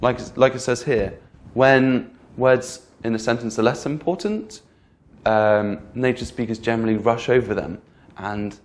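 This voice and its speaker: This man's voice is mid-range, with fairly even intonation. Teaching English pronunciation online, he patiently goes over example words again and again, slowing down to make clear where the stress falls.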